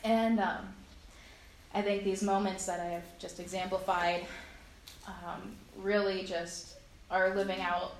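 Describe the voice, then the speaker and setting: A woman's voice: mid-range voice, little pitch movement, slow pace, slight background noise. Earnest woman giving testimony in echoey hall. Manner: heartfelt, earnest storytelling with frequent fillers. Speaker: speaker sharing a personal testimony. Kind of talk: personal testimony to a congregation.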